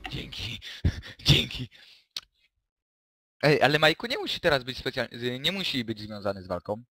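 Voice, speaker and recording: A man playing in a tabletop game session, joking around and reacting quickly to the dice. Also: mid-range voice, very animated, bright, forceful tone. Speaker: player. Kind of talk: casual tabletop game chat.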